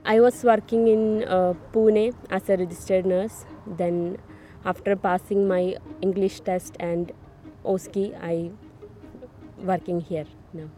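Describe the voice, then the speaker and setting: A nurse from Kerala in India answering interview questions hesitantly, with many pauses and fillers. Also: female voice, medium pitch, steady tone, mellow, soft background music.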